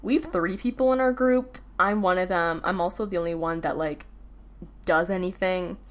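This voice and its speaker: A woman's voice: fairly low pitch, normal speed. A teenage girl hosting a casual solo podcast, rambling with lots of fillers and restarts. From United States. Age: teens. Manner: rambling, filler-heavy, self-interrupting. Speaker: podcast host.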